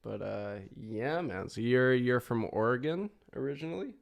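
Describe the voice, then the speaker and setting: A man's voice: mid-range voice, lively intonation, normal speed, vocal fry, highs cut off. A young man hosting a podcast, chatting casually and laughing often. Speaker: podcast host. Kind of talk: casual chat.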